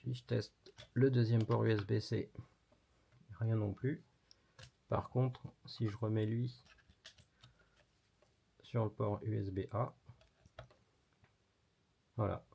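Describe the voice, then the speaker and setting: A man's voice: lowish voice, fairly even intonation, slow pace, vocal fry, pauses often, warm tone, slight background noise. A man hosting an electronics tutorial, explaining casually while demonstrating hands-on and swearing mildly now and then. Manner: casual and chatty, with mild swearing. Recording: dull lo-fi recording.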